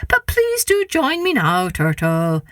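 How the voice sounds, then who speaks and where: A woman's voice: medium pitch, wildly swooping pitch, takes it slowly, no room sound, studio quality. Woman voicing a swooping, sly trickster spider. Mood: smugly polite. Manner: exaggerated trickster-tale character voice, mock-courteous. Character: greedy, sly male spider trickster, falsely polite and scolding. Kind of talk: folktale storytelling for children.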